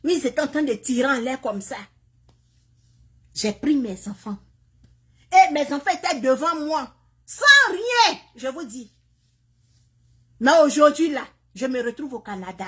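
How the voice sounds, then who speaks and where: A woman's voice: high-pitched, very animated, measured pace, long pauses. A woman, speaking into a phone video and lecturing other mothers with repeated, pointed questions. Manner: preachy, repetitive, scolding questions to other mothers. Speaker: woman sharing her migration story. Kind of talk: impassioned direct-to-camera appeal. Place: Canada.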